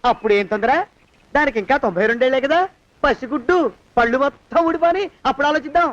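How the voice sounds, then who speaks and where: An actor playing a frightened middle-aged husband who gives absurd deadpan replies and breaks into panicky wails. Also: male voice, very high voice, fast, no echo. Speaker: comic actor in film scene. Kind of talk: Telugu film comedy acting. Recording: dull film soundtrack, faint noise.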